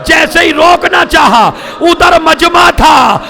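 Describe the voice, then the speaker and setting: A man's voice: very high-pitched, sharp tone, raised voice. A male cleric delivering an impassioned mourning sermon, chanting and wailing as he urges listeners to weep. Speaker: cleric reciting a mourning majlis.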